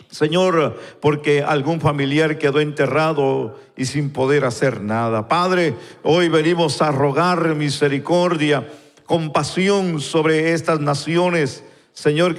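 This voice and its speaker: Slow fervent preacher in a reverberant church. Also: male voice, on the high side. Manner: slow, fervent, repeats "Señor" between phrases. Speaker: pastor. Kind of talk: spoken prayer and sermon. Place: church sanctuary, recorded live. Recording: long church hall reverb.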